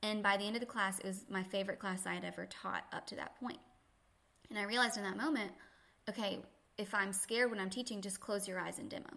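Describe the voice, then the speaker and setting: This woman talks fast, her mid-range voice fairly even in intonation, pushed and bright with some vocal fry. A yoga instructor and podcast guest, she laughs easily while telling earnest, reflective stories about faith and teaching in a conversational, faith-centered way.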